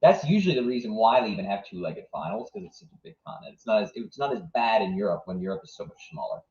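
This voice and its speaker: A young southwest Virginia livestream host reacts to a match live, with a lowish, darkish voice that talks fast and swings broadly in pitch. He rambles casually and answers chat as thoughts come. The room adds a dull echo.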